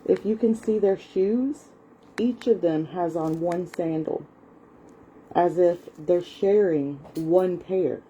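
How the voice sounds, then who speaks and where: A woman's voice: fairly low pitch, slow, mellow, a little hiss or hum, low-quality recording. A Southern woman in her late forties or older, chatting casually at home and walking viewers through the pictures in a book, with lots of fillers and apologies. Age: at least late 40s. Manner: shows a book page and walks viewers through it. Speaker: history hobbyist host. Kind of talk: casual rambling explanation. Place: home, cat nearby.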